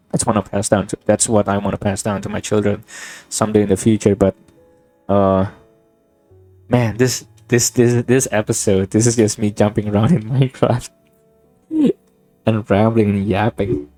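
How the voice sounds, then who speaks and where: A young native Indonesian speaker from Indonesia, a gaming vlogger, muses aloud in a rambling, reflective monologue while playing a game, thoughtful and halting with many restarts and fillers. His voice is lowish, level and warm, in a dry recording with faint music behind.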